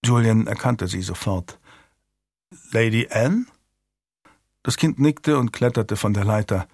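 A man narrating a historical novel in a calm, even storytelling manner. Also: on the low side, moderate pace, vocal fry, husky, no echo, studio quality. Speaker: audiobook narrator. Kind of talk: scripted narration.

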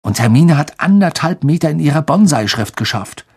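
Husky, blunt teenage wizard boy, offhand and teasing, storybook reading, voiced by a man. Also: a little high, animated, moderate pace, a little mellow, voice pushed up. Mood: exasperated.

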